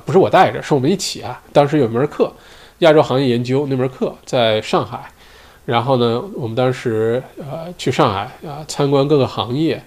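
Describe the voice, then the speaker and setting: A man's voice: medium pitch, darkish tone. A man hosting his own solo show, talking casually in a rambling way with many fillers and tag questions. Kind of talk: casual commentary monologue.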